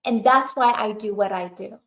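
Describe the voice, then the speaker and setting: A woman's voice: mid-range voice, normal speed, echoey room, poor audio. A woman hosting a motivational webinar, talking in a chatty, emphatic way with lots of fillers. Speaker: webinar host.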